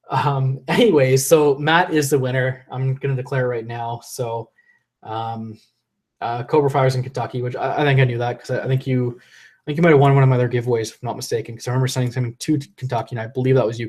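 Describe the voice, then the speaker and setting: Slightly tipsy from drinking, a man runs a casual livestream from home, rambling, swearing, and reading chat aloud into a desk USB condenser mic. He speaks at a medium pitch with a slightly mellow tone.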